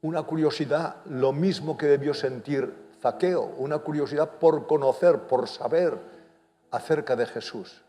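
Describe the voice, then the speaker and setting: A man's voice: measured pace, dark tone. An older man, preaching a sermon and sharing his testimony, growing emphatic on key points. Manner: emphatic, rises in pitch and volume on key points. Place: church hall. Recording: long church reverb.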